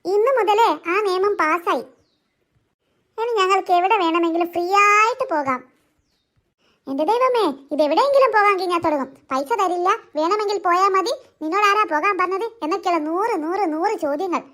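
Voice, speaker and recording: A woman's voice: extremely high pitch, brisk, a bit bright. A woman voicing a bickering, sarcastic housewife in a cartoon. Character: nagging, sharp-tongued cartoon housewife.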